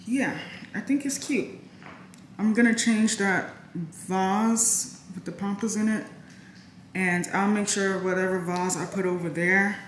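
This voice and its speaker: A woman's voice: lowish voice, roomy sound, a little hiss or hum. A young woman, chatting casually to her viewers in a home vlog. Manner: chatty, addresses viewers as "y'all". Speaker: vlogger. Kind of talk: casual vlog chat to camera.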